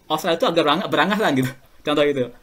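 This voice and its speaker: With a rapid-fire delivery and a somewhat high, slightly bright voice, a middle-aged Indonesian man chats as a guest alumnus on a relaxed podcast, telling anecdotes and chuckling along the way.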